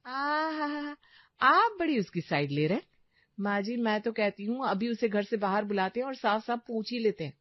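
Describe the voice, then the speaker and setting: Gossipy young daughter-in-law, shrill and accusing, high voice, woman voicing. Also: expressive, normal speed, no echo, dull audio.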